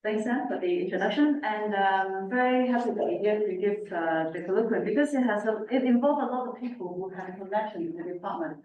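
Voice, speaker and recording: A woman giving an informal technical lecture through a face mask, halting as she explains. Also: mid-range voice, dull audio. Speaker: academic lecturer, researcher. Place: indoor lecture room. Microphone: distant room microphone. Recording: very echoey, distant, faint room noise.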